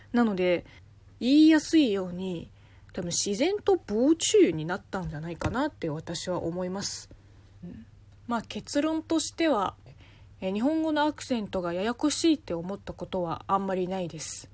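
A woman from China with a light Chinese accent, hosting a casual solo radio talk and answering listener questions with spoken examples. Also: no echo. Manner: chatty, explains with spoken examples, lively pitch swings.

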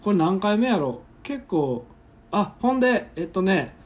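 A man's voice: high-pitched, big pitch swings, measured pace, a little mellow. A man with a Kansai accent hosting a casual solo radio chat, reading listener letters and acting out awkward moments with lots of laughter. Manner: chatty, laughing often, acts out awkward moments. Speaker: podcast host. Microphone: phone, streaming live while recording.

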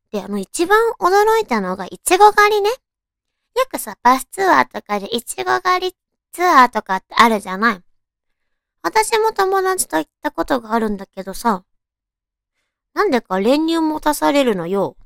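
Cute anime-voiced woman, lively high pitch. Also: gravelly, no room sound, studio quality. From Tochigi, Japan. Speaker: radio talk show host. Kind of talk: casual solo chat.

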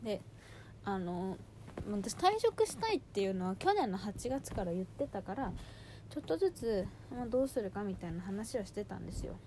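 A woman in her twenties chatting casually in slangy gyaru, valley-girl style, telling stories in an animated, exasperated way as she hosts a personal audio diary. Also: mid-range voice, moderate pace, slight background noise. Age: 20s. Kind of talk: casual chat, venting monologue.

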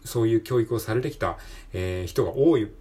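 This Japanese podcast host has a lowish, dark, husky voice and speaks fairly quickly. Alone on the mic, he gives a casual, encouraging motivational talk, chatting conversationally and repeatedly seeking the listener's agreement.

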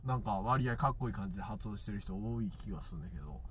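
A young man with a Kansai Japanese accent, co-hosting a casual podcast chat, animated and often laughing. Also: lowish voice, racing, a crowd in the background. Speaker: podcast co-host.

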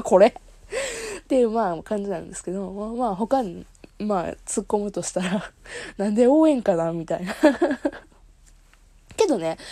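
Lively Kansai woman chatting solo. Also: mid-range voice, dry recording. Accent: Kansai Japanese. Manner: chatty, teasing, laughs often. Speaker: podcast host. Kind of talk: casual solo talk. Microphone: phone app.

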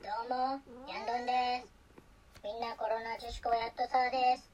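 A man's voice: extremely high pitch, little pitch movement, brisk, darkish tone, rough recording. A man voicing a chatty male cat character in heavy Kagoshima dialect, run through a machine voice changer that makes him sound blunt and a bit goofy. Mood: cheery. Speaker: video creator.

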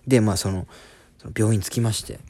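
A man's voice: on the low side, fairly even intonation, fairly quick, a little mellow. A man in his twenties, a comedian hosting a podcast, telling an embarrassing story in a casual, self-deprecating comic monologue. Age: 20s.

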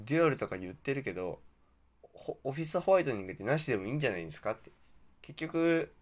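A man hosting a casual solo radio talk, rambling and correcting himself, with slightly slurred articulation from wearing a mouthguard. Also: fairly low pitch. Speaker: podcast host.

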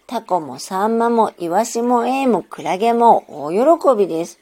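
A woman narrating a children's story in a gentle, measured storytelling manner. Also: fairly high pitch, animated, breathy edge.

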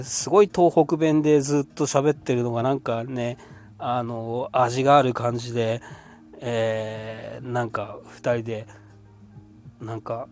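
A man in his fifties hosts a solo podcast and spins a personal anecdote at an unhurried pace. His delivery is loose and chatty, full of little fillers and restarts. His voice sits at an ordinary middle pitch, with faint music behind it. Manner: relaxed and rambling, with frequent fillers. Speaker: podcast host. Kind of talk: casual storytelling monologue.

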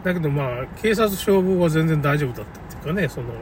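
A man's voice: on the high side, animated, fast, a little mellow. A man giving a casual, unscripted monologue in a rambling, opinionated and conversational way. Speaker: commentator recounting a local flood. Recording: noisy, distant mic, car and outdoor ambience.

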